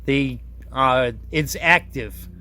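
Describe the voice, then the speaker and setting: Speaking at a slow pace in a medium-pitched voice that sounds pushed and bright, a product reviewer demonstrates a radio. The hands-on demo is casual and unscripted, folksy and self-deprecating, with frequent rambling and self-correction.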